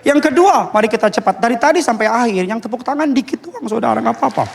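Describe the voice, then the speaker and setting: A male pastor. He tells stories in a lively, playful way and drops English phrases into his talk. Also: extremely high pitch, quick pace, vocal fry, background noise. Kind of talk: sermon. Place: church.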